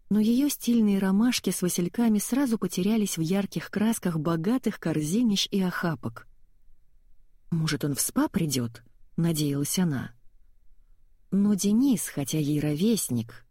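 A woman reads a story aloud in an even, measured way. Her voice is low, mellow and slightly husky, recorded close and dry. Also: no room sound. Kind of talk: audiobook story reading.

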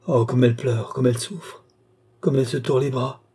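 A man reading the part of an entranced young woman who describes a distant vision in halting phrases, in an audiobook reading. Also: mid-range voice, fairly even intonation, dark tone, husky, natural voice. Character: entranced young woman seer, wide-eyed and fearful.

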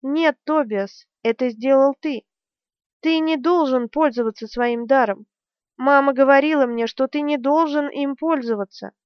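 A woman's voice: sits high, a little slow, dry recording, pitched above the performer's own voice. A woman voicing a crazed, whimpering sorceress who pleads in broken grammar, in an audiobook reading. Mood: pleading. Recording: dry, dull lo-fi recording.

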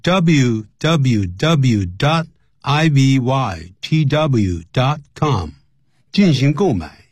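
Radio English teacher, male; husky, very lively pitch, dry studio sound, patient and repetitive. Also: no room sound. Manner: explains patiently, repeats and slowly models English phrases. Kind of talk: radio language lesson. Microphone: studio microphone.

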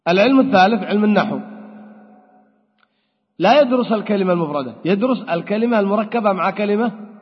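This husky, high-pitched male voice is expressive and a little fast, with frequent pauses. He's giving a classroom lecture on Arabic grammar, walking through it step by step and answering his own questions. The hall recording is dull with long echo.

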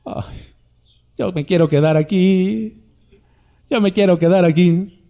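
A man's voice: high-pitched, takes it slowly, mellow, voice pushed up. A preacher acting out a contented dead man who pleads to stay at peace, sighing. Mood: blissful. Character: contented dead man, blissful and reluctant to return.

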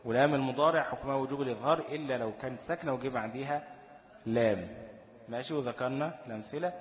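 A man with an Egyptian accent leads a tajweed lesson at an even middle pitch. He quizzes his students and answers his own questions, then slows down to chant each quoted verse. His voice rings with a long reverb, as if in a large hall. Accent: Egyptian Arabic. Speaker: Quran recitation teacher. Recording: echoey room with long reverb.

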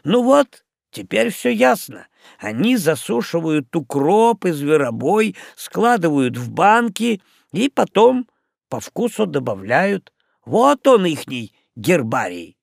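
A man's voice: on the high side, takes it slowly, vocal fry, dry recording, studio quality, voice pushed up, heavily acted. A man voicing a cheerful, bossy male ship's navigator who lectures others. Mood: amused. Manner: lively, lecturing.

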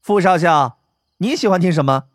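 A man's voice: high-pitched, expressive, normal speed, no room sound, clean studio sound, voice pushed up. A man voicing a cheeky, playful baby-faced young man who teases in a chirpy, singsong way. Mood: teasing.

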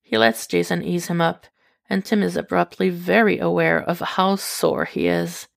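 A woman reading a fan story aloud in calm, intimate scripted narration. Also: on the low side, normal speed, gravelly. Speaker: podfic reader.

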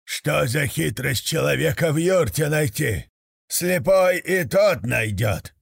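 A man doing a greedy, domineering khan from a storybook, with a heavily gravelly voice. He drags every word out slowly and sits above the narrator's usual pitch. He barks his commands as if calling across a yard. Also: expressive, dry recording, clean studio sound, heavily acted. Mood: commanding. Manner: slow, bellowing commands.

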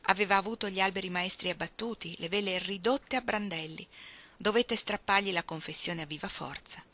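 A woman reading a literary novel aloud, expressive, dropping at times to hushed, almost whispered phrases. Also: medium pitch, a little fast. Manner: expressive, shifting between soft hushed phrases and emphatic ones. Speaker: reader.

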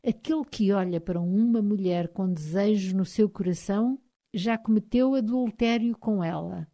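A woman with a European Portuguese accent voicing an angry, proud young Highland husband, speaking emphatically with a raised voice. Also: moderate pace, warm tone, close to an everyday voice. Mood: heated.

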